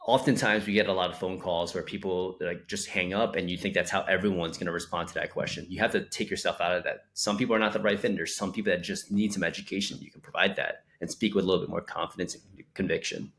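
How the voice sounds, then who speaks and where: A man's voice: low voice, steady tone, fast, few pauses, fairly bright tone. A young man co-hosting a casual podcast about physical therapy business, rambling and acting out caller quotes.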